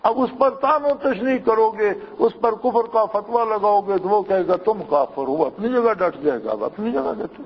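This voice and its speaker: A man's voice: high voice, lively intonation, hardly any pauses. A man giving a sermon, emphatic and full of rhetorical questions. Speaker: preacher. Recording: muffled with long hall reverb.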